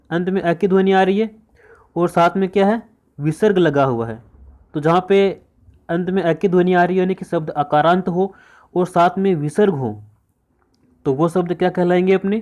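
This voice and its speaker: High-voiced man teaching grammar. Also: a little mellow. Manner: repetitive, asks and answers his own questions. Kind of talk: exam-prep grammar lesson.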